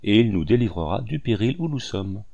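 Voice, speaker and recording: A man voicing an affectionate young daughter in a storybook reading, in his low voice. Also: animated, brisk, creaky, dark tone, lo-fi sound. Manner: coaxing, fond.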